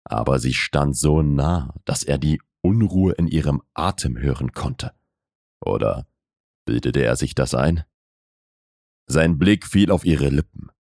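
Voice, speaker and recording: A man reading a romance novel aloud in a measured, intimate storytelling manner. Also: extremely low pitch, a little mellow, no echo, clean studio sound. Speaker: audiobook narrator. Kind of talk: scripted narration of a romance novel.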